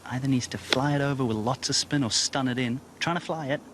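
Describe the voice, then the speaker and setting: Mid-pitched man calling golf. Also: brisk, a bit bright, slight background noise. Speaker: golf commentator. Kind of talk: live golf commentary.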